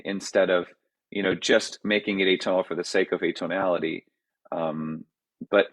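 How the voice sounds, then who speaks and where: Man low-voiced composer answering questions. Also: fairly bright tone, poor audio. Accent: American. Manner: thoughtful, halting, many fillers and restarts; reads out audience questions. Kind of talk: casual Q&A talk.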